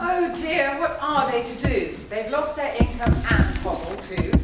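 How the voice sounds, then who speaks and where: A woman's voice: on the high side, big pitch swings, measured pace, loud music behind the voice. A woman playing an exasperated pantomime character who speaks out to the audience. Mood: pleading. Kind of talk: animated stage pantomime acting. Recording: distant echoey very noisy theatre.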